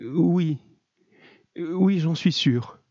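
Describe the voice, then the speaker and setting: A man's voice: fairly high pitch, extremely slow, warm tone, no echo, pitched above the performer's own voice. A man voicing an anxious, hypnotized young woman who stammers and pleads. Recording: dull lo-fi, dry.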